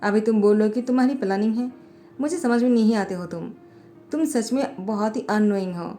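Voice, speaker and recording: A woman's voice: mid-range voice, fairly quick, warm tone, lightly acted. A woman voicing a blunt young male assistant who scolds in an exasperated way in a storybook narration, with faint music behind her.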